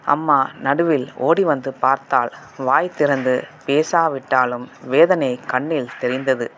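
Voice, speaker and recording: A man narrating a novel as an audiobook in a calm, measured storytelling manner. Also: medium pitch, slight background noise.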